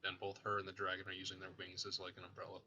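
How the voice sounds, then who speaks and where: A man's voice: low-pitched, completely flat delivery, rapid-fire, sharp tone, dull audio. A man chatting casually as a player in a tabletop game. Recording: faint background noise.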